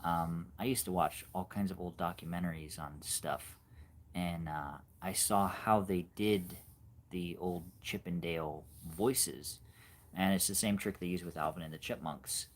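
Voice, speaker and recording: A man in his forties chatting casually on a livestream, musing in a halting way and trailing off softly at times. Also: deep voice, fairly even intonation. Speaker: animator hosting a livestream.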